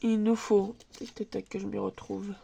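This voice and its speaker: A crafts host, stuffy-nosed from a cold, gives a casual tutorial at her home table, chatty and thinking aloud with filler words as she works. She has a warm, medium-pitched voice that is creaky and slightly rough, with little pitch movement at a moderate pace. A camera filming from above records her.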